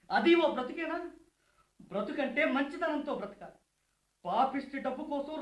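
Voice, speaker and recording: A man's voice: very high voice, fairly bright tone, reverberant. An actor playing a poor grieving man who accuses the rich and vows revenge, in a radio drama. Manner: impassioned, accusing outbursts.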